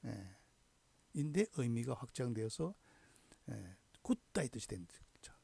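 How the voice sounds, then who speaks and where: A man teaching Chinese characters in a slow, deliberate lecture, often dropping in a short affirming "ye" between points. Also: medium pitch, very animated, vocal fry, warm tone, breathy edge, no echo. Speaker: hanja teacher. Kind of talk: recorded lecture.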